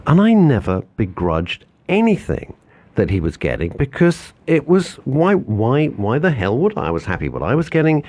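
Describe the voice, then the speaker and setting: A British man in his fifties hosting a casual radio chat, animated and repeating himself as he builds up steam. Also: medium pitch, normal speed. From Britain. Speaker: radio show host. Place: radio studio.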